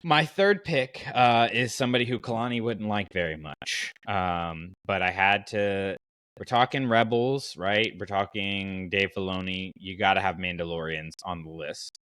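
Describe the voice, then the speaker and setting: A man hosts a casual fan podcast, his fairly low voice bright and forward, recorded close and dry with no echo. He talks smoothly at a moderate pace, explaining his thinking conversationally and drifting into asides.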